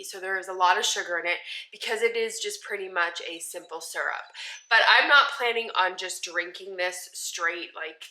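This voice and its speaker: Chatty bright woman in echoey kitchen. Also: mid-range voice. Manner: chatty and friendly, laughs lightly, explains plans step by step. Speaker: homesteading cooking vlogger. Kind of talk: casual kitchen vlog narration. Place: home kitchen.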